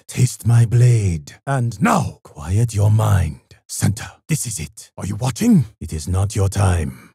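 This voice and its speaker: A man voicing a stoic, honorable samurai swordsman in a video game, speaking formally, with measured, solemn courtesy. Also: lowish voice, warm tone, breathy edge, dry recording, clean studio sound, heavily acted. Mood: intense. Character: stoic, honorable time-lost samurai swordsman, polite and grave. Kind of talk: video game character voice lines.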